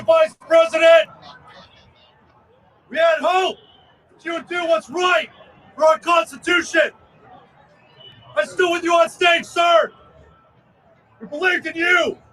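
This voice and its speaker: A man giving an impassioned protest speech at an outdoor rally, shouting slogans in short bursts as a rally speaker. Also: very high-pitched, steady tone, slow pace, pauses often. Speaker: rally speaker, veterans' group organizer. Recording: distant outdoor recording with crowd noise. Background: crowd and street noise.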